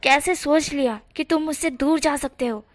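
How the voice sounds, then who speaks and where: A caring but possessive older man who speaks softly and firmly, as a woman reads his lines. The voice stays fairly high, close to the reader's own. It is a storybook reading. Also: moderate pace, close to an everyday voice. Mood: angry.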